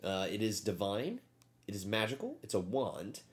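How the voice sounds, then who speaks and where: A man's voice: on the low side, big pitch swings, moderate pace. A man acting as game master, narrating a tabletop game and reading out rules.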